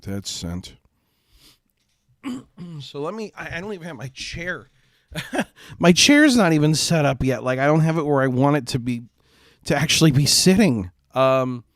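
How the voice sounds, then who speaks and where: On a home streaming mic with clean studio sound and no echo, a man with a mid-range voice hosts a live gaming stream. He has a cold and a stuffy, congested nose. His casual chat is rambling and apologetic, with lots of fillers and restarts.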